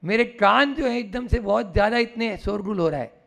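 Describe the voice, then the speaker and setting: A man's voice: high voice, animated, moderate pace, gravelly, fairly bright tone, full character voice. A man, a monk, voicing a feverish, irritable king in pain who complains about noise in a sermon parable. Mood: irritated.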